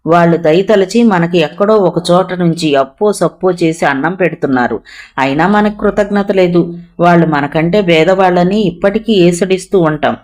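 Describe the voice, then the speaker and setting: A narrator voicing an earnest young woman, a dutiful daughter who speaks calmly and reasons gently but firmly. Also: medium pitch, moderate pace, close to an everyday voice.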